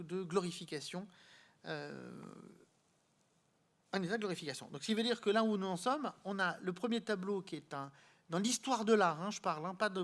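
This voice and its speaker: A man giving a live art history lecture, explaining to his audience directly, halting and searching for words with frequent repeats. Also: sits high.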